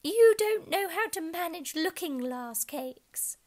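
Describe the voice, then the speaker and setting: A woman voicing an excitable, boastful male unicorn who talks in shrill, eager cries. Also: takes it slowly, full character voice.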